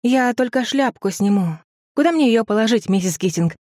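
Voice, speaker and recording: A man's voice: high voice, animated, normal speed, a little mellow, no room sound, clean studio sound, voice pushed up. A man reading an audiobook, voicing an anxious, flustered young woman who chatters breathlessly. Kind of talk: audiobook character voice.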